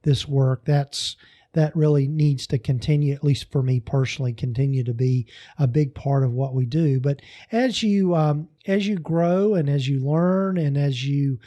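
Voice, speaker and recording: Warm, rambling male podcast host. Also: fairly high pitch, normal speed, dry recording. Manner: rambling, many fillers and restarts. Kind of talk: casual podcast sign-off.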